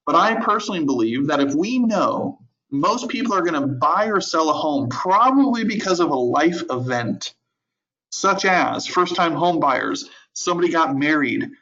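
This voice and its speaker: Animated man coaching real estate agents. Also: a little high, moderate pace. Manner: animated, conversational, repeats words, laughs often. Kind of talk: virtual training lecture. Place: home office at a desk. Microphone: video call. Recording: dull lo-fi audio.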